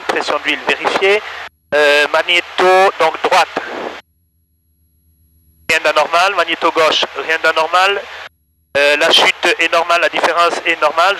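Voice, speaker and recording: A male flight instructor talking over a cockpit headset, working through checklists in a calm, methodical way. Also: on the high side. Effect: pilot talking over a cockpit headset. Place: small plane cockpit. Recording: loud engine noise behind.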